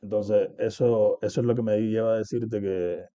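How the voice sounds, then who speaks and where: Guy chatting in an interview, really dark mellow voice, dry slightly dull sound. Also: lowish voice, fairly even intonation, normal speed, no room sound. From Cuba. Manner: reflective, uses many fillers and "¿entiendes?". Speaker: interview guest. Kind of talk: casual interview talk.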